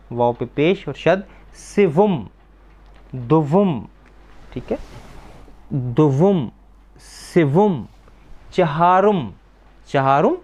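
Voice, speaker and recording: A man teaching a language class for children, patiently repeating words slowly and quizzing the class on answers. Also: on the high side, a little mellow. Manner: asks the class questions and confirms answers.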